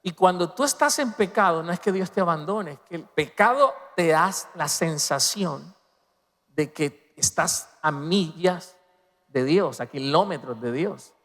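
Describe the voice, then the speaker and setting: A man preaching a sermon as pastor, swinging between loud emphatic peaks and soft, low passages. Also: lively intonation, unhurried. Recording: long reverb of a large hall.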